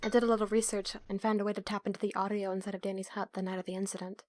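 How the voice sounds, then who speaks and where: In this audio drama, the actress's character speaks rapid-fire and flat at medium pitch, her tone a little mellow and close to an everyday voice. Dry-witted, blunt and teasing, the young woman stays serious and guarded in casual talk as crickets and clear background noise fill the scene.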